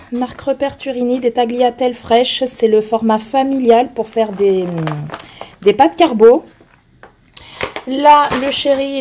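Chatty hoarse woman, soft-toned. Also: a little high, a little hiss or hum. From France. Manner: chatty, rambling, many fillers and restarts. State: hoarse from illness. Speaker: vlogger showing her groceries. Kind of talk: casual chat to camera.

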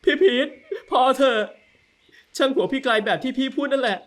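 A man's voice: very high-pitched, normal speed, fairly bright tone, voice pushed up. A man voicing an anxious young woman in an audio novel, questioning her lover's feelings. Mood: upset.

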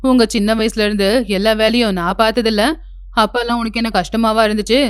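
A woman voicing a harsh, stingy mother-in-law in a cartoon story, with a sharp, bossy, scolding manner. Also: a little high, flat delivery, fast, clean tone, no echo, close to an everyday voice. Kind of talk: cartoon voice acting.

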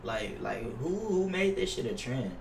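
Gravelly and unhurried, this young American streamer's mid-range voice swings widely in pitch. He talks casually to livestream viewers in a slangy, profane style, often saying things twice. The gaming headset mic at his indoor setup captures a distant, roomy sound with noise.

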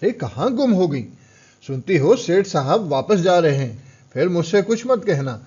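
A man voicing a scheming, coaxing female courtesan hostess in an audiobook, speaking loudly and pleadingly. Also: high-pitched, big pitch swings, husky, lo-fi sound, pitched above the performer's own voice, exaggerated voice.

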